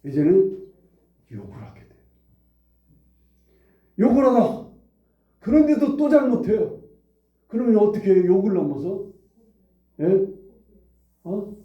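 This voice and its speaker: A man's voice: sits high, very animated, measured pace, pauses often, roomy sound, recorded from a distance, muffled recording. A male pastor preaching a sermon, who repeats phrases for emphasis and asks the congregation questions. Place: church sanctuary.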